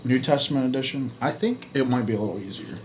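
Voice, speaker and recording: A man's voice: mid-range voice, fast, heavy background noise. A man who preaches, co-hosting a youth video with dry, self-deprecating banter. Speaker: co-host, pastor. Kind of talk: casual banter over a game.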